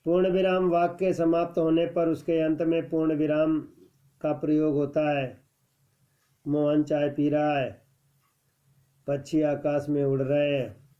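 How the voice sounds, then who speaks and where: A man teaching a scripted grammar lesson at a measured pace, announcing each heading more loudly and reading the examples more softly. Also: on the high side, little pitch movement. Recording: dull lo-fi recording.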